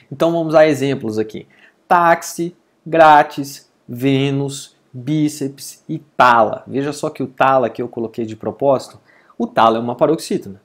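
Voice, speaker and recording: A man with a Brazilian Portuguese accent teaching an online grammar lesson, explaining patiently and often checking that listeners follow. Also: medium pitch.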